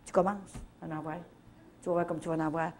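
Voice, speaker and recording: An older woman with a Canadian French accent telling a faith testimony at a retreat, in a lively storytelling manner full of little verbal tags. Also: sits low, a little fast, a little hiss or hum. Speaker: retreat speaker.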